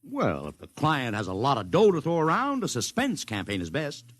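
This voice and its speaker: Casting: fast-buck ad man, mid-pitched, very lively swings, slangy and glib, vintage radio comedy-drama delivery. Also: no room sound. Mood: sales patter. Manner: slangy, wisecracking salesman patter. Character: brash, glib, money-hungry publicity agent. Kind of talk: 1950s radio drama acting.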